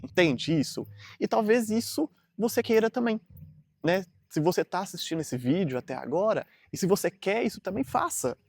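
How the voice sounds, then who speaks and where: A man, speaking to camera in an earnest, rambling vlog. He leans on fillers and restarts as he works through his point. His voice sits a little high for a man. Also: animated, moderate pace, gravelly, a little mellow, no room sound. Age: 30s. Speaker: vlogger. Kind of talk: casual motivational monologue to camera.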